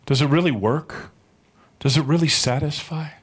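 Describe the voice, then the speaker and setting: A middle-aged man preaches a sermon from the pulpit, his voice pitched a little above the usual male range. He retells a story and keeps turning to the congregation with rhetorical questions. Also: normal speed, husky. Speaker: pastor.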